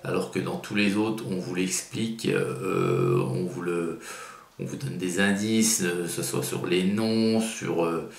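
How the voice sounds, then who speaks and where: A man's voice: sits low, fairly even intonation, measured pace, vocal fry. A man giving a casual spoken review of a comic book, hesitant and full of fillers and restarts, often stressing that it is only his own taste. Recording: roomy echo.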